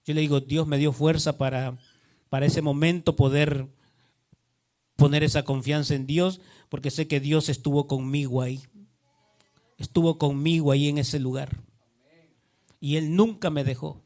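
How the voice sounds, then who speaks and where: A man's voice: on the high side, fairly even intonation, normal speed, long pauses, darkish tone. A man giving an earnest testimony sermon, often repeating himself and quoting others in dialogue. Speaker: preacher.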